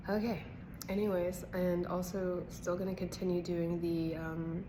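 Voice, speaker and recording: A woman with a slightly low voice records a casual personal vlog while recovering from dental surgery the day before. She talks earnestly and with emphasis, wandering from point to point. The recording has clearly audible noise. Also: flat delivery, a little slow. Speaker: health vlogger.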